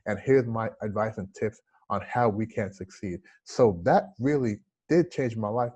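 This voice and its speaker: Low and a little mellow with a husky edge, the voice belongs to a man in his forties who has a slight lisp. Speaking from home over a video call as an interview guest, he shares his story earnestly and reflectively, using hand gestures.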